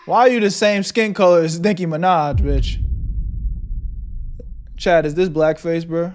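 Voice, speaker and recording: Slow slangy streamer on livestream headset audio. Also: male voice, on the high side, steady tone, a little mellow, a little hiss or hum. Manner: slangy, drawn-out, talks back to the video. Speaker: livestreamer reacting to a video. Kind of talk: casual live reaction commentary.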